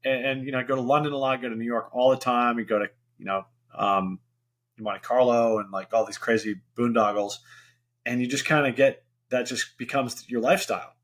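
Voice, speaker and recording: A man's voice: medium pitch, steady tone, a little fast, a bit bright. Candid middle-aged man, rambling chat. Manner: rambling, candid, full of "you know" fillers. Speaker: podcast guest, venture investor. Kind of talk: casual interview conversation.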